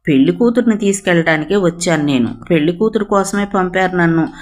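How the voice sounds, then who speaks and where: A woman reading a novel aloud, voicing an earnest young man who pleads calmly and tenderly in a low, steady tone. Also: fast, natural voice. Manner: calm, low-voiced pleading.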